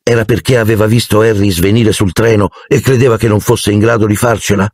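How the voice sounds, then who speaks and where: A man narrating an audiobook dramatically, with an animated delivery and voicing each character. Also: lowish voice, brisk, no room sound, studio quality.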